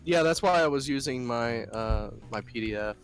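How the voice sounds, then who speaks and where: Halting man chatting on a call. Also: medium pitch. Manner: halting, restarts with "like". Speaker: tabletop game player. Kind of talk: casual out-of-character chat.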